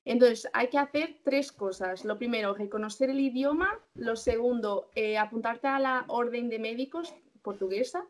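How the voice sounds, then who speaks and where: A woman's voice: on the high side, moderate pace, few pauses. Chatty young woman explaining paperwork. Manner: hesitant, many fillers and self-corrections. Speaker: resident doctor being interviewed. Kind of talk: casual interview, explaining steps.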